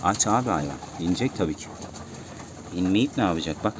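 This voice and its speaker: Brisk and low-voiced, with lively intonation, a pigeon-keeping vlogger chats with his audience and coaxes his birds with repeated calls. Background noise mixes with the sound of cooing pigeons.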